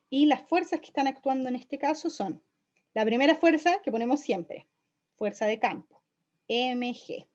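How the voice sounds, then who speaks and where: A woman's voice: sits high, darkish tone. A young woman teaching a recorded physics lesson, explaining step by step and checking in with her students often. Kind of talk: recorded online lecture. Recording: dull, lo-fi lecture audio.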